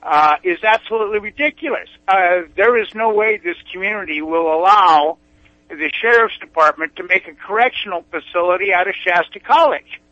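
A man's voice: high voice, normal speed, no echo. A man calling in over a phone line to a talk show, speaking emphatically and indignantly and repeating his objections. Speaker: caller. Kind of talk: call-in comment to a talk show. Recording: dull, dry phone line.

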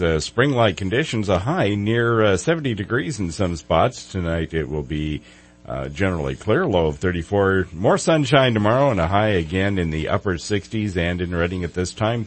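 Deep, husky man on local radio. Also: expressive, moderate pace. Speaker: radio co-host reading weather and announcements. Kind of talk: radio weather report and announcements. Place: radio studio.

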